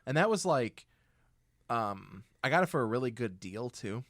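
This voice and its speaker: A man's voice: medium pitch, very animated, normal speed, a bit bright, no echo, studio quality. A man co-hosting a casual podcast chat, talking in a laid-back, trailing way. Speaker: podcast co-host.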